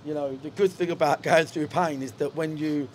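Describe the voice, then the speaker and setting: Brisk and steady in tone, this fairly high-pitched man is a middle-aged football manager giving a frank post-match interview in a stadium dugout. He restarts often and uses many fillers. A handheld reporter mic captures him along with a little hiss or hum.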